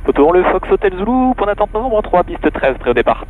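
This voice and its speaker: A man's voice: high-pitched, sing-song, fairly quick, phone-quality sound. A man making clipped, procedural radio calls as a pilot over a headset in a small aircraft. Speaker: private pilot. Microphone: aviation headset. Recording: pilot headset audio with aircraft cabin noise.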